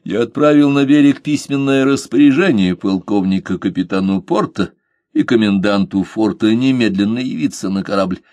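A man's voice: on the low side, normal speed, dry recording, close to an everyday voice. A man voicing a composed, courteous pirate captain who speaks with cool irony. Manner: calm, courteous, mocking. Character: calm, ironic pirate captain, male adult.

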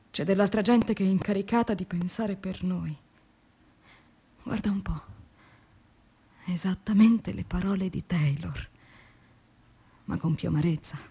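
A slightly rough, medium-pitched voice conveys bitterness in a subdued way. The actress portrays a factory worker, anguished and exhausted, confiding her diary in a radio monologue that alternates between quiet and vehement delivery.

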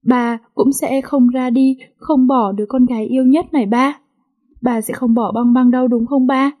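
A woman voicing a tough young heiress who pleads tearfully, her voice pitched up and breathy. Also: fairly even intonation, normal speed, mellow. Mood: tearful, pleading. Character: young heiress, tough but grief-stricken daughter.

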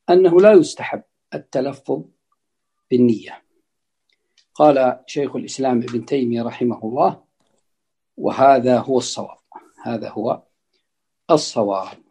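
A man's voice: mid-range voice, dark tone, slightly rough. A man teaching as a religious scholar, explaining a classical text line by line and repeating key phrases. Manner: deliberate, repeats phrases for emphasis.

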